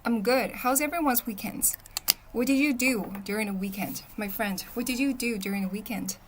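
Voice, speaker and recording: A young adult woman, a native Chinese speaker from Shanghai, talks with viewers on a casual livestream at normal speed. Her voice is a little high, there's some faint hiss or hum, and she responds to comments while frequently asking "okay?"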